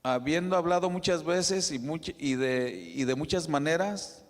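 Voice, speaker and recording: A man preaching a sermon as pastor, in a conversational style with frequent tag questions and soft asides. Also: on the high side, expressive, a little slow. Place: church sanctuary. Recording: reverberant church hall.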